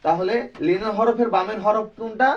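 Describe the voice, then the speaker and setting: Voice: medium pitch, fairly even intonation, a little fast. Teacher quizzing a class over and over, sounds far off and muffled, lots of kids talking behind. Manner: drills students with repeated questions and call-and-response. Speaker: Quran recitation teacher. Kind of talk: classroom lesson. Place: classroom with students.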